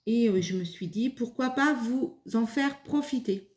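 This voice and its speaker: Slow, mellow-voiced woman demoing crafts. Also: a little high. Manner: hesitant, many fillers and restarts. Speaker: craft video host. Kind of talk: casual craft demonstration. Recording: echoey room.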